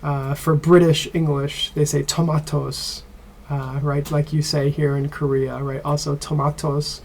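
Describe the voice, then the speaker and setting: A man with an American accent teaching an online English class, speaking haltingly and pausing often with fillers. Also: on the high side, level tone, a little mellow. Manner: slow and halting, with frequent filler pauses.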